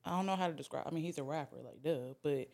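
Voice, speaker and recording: A woman's voice: deep voice, quick pace, warm tone. A young woman hosting a podcast, chatting casually, swearing and laughing a lot. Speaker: podcast host. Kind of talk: casual chat.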